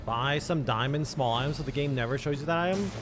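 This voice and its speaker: A man's voice: medium pitch, quick pace. A man streaming a game, thinking aloud and muttering asides in casual commentary, with faint music behind.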